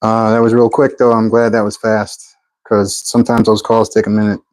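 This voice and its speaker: A man's voice: lowish voice, completely flat delivery, normal speed, dry recording, low-quality recording. A man hosting a live stream from a home workshop, streaming by phone and calling out meter readings with chatty asides. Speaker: host of a pulse motor channel. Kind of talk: live-stream tinkering commentary.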